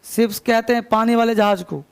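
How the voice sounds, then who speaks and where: Man, classroom dictation, spells words letter by letter, high gravelly voice. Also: fairly even intonation, a little fast. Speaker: teacher.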